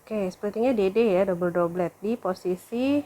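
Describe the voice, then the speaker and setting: A woman's voice: medium pitch, normal speed, dark tone. A woman lecturer talking through a recorded lesson, thinking aloud with fillers and corrections.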